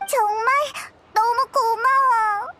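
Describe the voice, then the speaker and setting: A woman's voice: extremely high pitch, lively intonation, unhurried. A woman voicing a small, chirpy, fairy-like female companion in a video game, bubbly, chatty and childlike. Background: game music.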